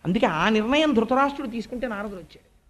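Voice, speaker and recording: Brief: man, high voice, discourse speaker, asks rhetorical questions, homely examples. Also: expressive, rapid-fire, a bit bright. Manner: acts out quoted voices within the story. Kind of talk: Telugu religious discourse on scripture.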